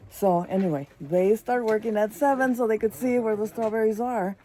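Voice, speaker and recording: Female vlogger, mellow tone, chatty walk-and-talk outdoors. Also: a little high, moderate pace, slight background noise. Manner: chatty, rambling, switches into Spanish. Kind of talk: casual vlog narration. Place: strawberry fields outdoors.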